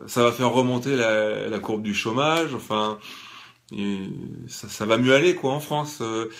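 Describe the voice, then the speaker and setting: Ironic man with a mid-pitched voice. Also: fairly bright tone. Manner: ironic, halting, many fillers. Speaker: vlogger. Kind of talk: casual satirical monologue.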